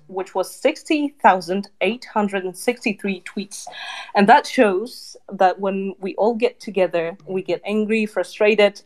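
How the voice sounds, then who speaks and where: A woman gives a brisk update full of figures in a casual online audio chat. Her pitch sits in the middle, and she speeds up through parts of her phrases. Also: darkish tone. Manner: brisk, reporting numbers. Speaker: campaign team member.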